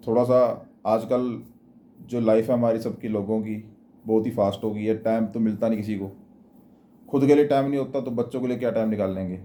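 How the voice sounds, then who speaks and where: A man's voice: medium pitch, mellow, slight background noise. A man giving plain, repetitive spiritual and astrology advice in a casual spoken manner, often restarting his words. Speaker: astrology and devotional speaker.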